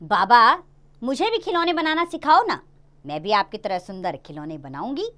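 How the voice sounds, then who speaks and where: An eager, pleading young village girl with a very high, bright and lively voice, as a woman reading a class play puts her on. She begs and argues with a lot of energy. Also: moderate pace.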